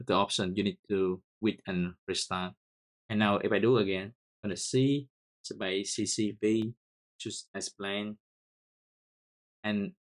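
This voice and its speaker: Typing commands through a screen-recorded coding tutorial, a native Vietnamese-speaking host with a Vietnamese accent speaks in a fairly low pitch. His speech is halting, with repeated words.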